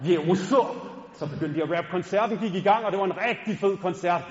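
Lively man storytelling on a hall stage. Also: high voice. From Denmark. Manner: lively, playful, talks straight to the crowd. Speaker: stand-up storyteller and rapper. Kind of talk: stage storytelling to a live audience. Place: large concert hall. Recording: echoey hall, dull sound.

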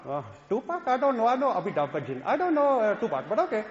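A man's voice: high voice, animated, a little hiss or hum, pitched above the performer's own voice. A puzzled fussy mother, as a man puts her on. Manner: bewildered, mildly scolding. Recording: echoey hall, dull sound.

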